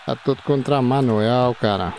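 A man, playing a football video game and reacting excitedly, shouting and repeating words. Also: medium pitch, moderate pace, noisy background. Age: 50s.

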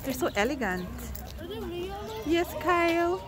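A woman's voice: high voice, sing-song, takes it slowly. A woman in her forties, chatty and repeating herself as she vlogs a zoo visit, filmed on a phone at arm's length on a windy day. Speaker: vlogger. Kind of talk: casual vlog. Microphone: phone held at arm's length. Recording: wind noise on a phone mic.

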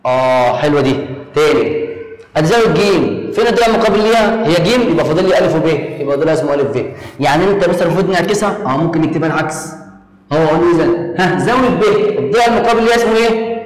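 A man with an Egyptian Arabic accent teaching a math lesson in a quick, conversational way, voicing his students' questions himself. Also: a little high, expressive. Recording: echoey room with long reverb.

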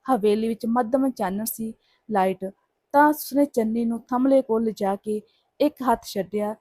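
A woman narrating a scripted audio story in a steady, even reading voice. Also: a little high, moderate pace, no room sound, studio quality.

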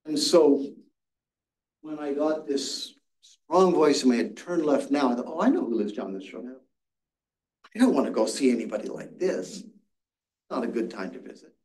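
An older man teaches a Sabbath school Bible study class to a seated audience in a church classroom, telling a story earnestly and often restarting his words. His medium-pitched voice is a little mellow with lively intonation, normal speed and long pauses, and it is heard from far off across an echoey room.

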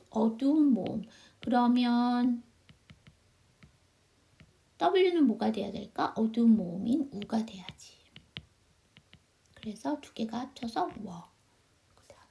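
A woman's voice: a little high, creaky, mellow. A woman English teacher giving an online phonics lesson, asking her students questions and answering them herself in a patient, step-by-step way. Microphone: video call.

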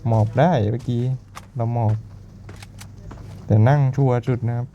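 A man's voice: medium pitch, steady tone, moderate pace, dark tone, dull audio, slight background noise. A man with a Thai accent giving casual, chatty commentary while playing a shooter game, laughing often and explaining as he goes. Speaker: gaming YouTuber.

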